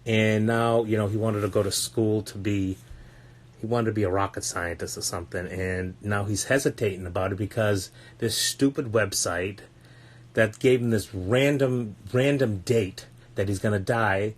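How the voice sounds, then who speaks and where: A man's voice: fairly low pitch, steady tone, normal speed. A man talking as a parenting coach on a casual podcast, blunt and earnest, swearing often and repeating words as he searches for them.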